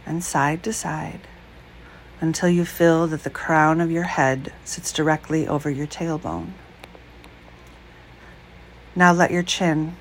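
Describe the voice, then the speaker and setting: A woman leading a guided breath meditation, speaking slowly, calmly and softly. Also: sits low, a little hiss or hum, poor audio. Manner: slow, calm, soft-spoken.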